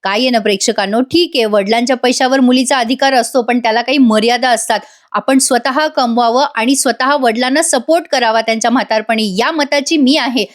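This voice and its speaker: Chatty high-voiced woman reviewer. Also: brisk. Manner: chatty, addresses viewers directly. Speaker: TV serial reviewer. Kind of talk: voice-over episode review.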